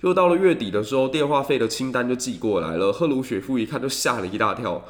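A man's voice: medium pitch, lively intonation, fast. A man, a professor hosting his own channel, talking casually and retelling jokes with voiced quotes. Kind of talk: casual commentary and joke-telling.

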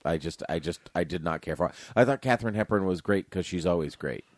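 A man's voice: deep voice, expressive, fast, dry recording, studio quality. A man co-hosting a casual movie chat, joking and blunt, often restarting his sentences. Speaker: podcast co-host.

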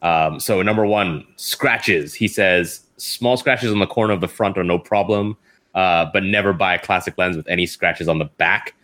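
A man's voice: low voice, moderate pace, a bit bright. A man hosting a casual discussion in a conversational way.

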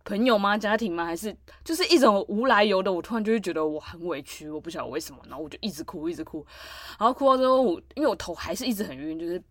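A woman's voice: medium pitch, animated, racing, hardly any pauses, dry recording, studio quality. A woman, co-hosting a podcast and telling a long, rambling story full of fillers. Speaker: podcast co-host. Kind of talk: casual chat.

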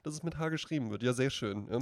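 A man from central Hesse co-hosting a casual podcast chat, chatty and quick to laugh, explaining grammar rules at length. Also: mid-range voice, no echo, studio quality. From central Hesse, Germany. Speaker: podcast co-host.

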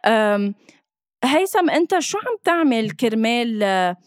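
A woman with a Lebanese Levantine Arabic accent talks as a podcast host in a somewhat high voice. Her delivery is casual and hesitant, with English words dropped in. The sound is close and dry, with very little room. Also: big pitch swings, moderate pace, no echo.

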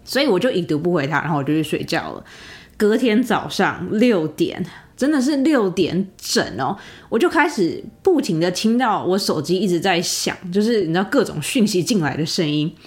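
A woman's voice: fairly low pitch, normal speed. A young woman hosting a podcast, telling a personal story in a chatty, casual way with many fillers and asides to the listener. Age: young adult. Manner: chatty, animated, lots of fillers and rhetorical asides. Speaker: podcast host.

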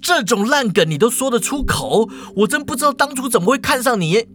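A man's voice: very high voice, very animated, fairly quick, a bit bright, voice pushed up, exaggerated voice. A man voicing a jealous, menacing young man who talks in a raised, accusing way.

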